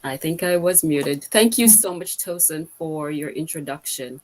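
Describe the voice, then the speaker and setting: Low-voiced middle-aged woman, guest speaker. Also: moderate pace. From Jamaica. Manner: warm, grateful, with frequent fillers. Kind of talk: online forum talk. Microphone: video call.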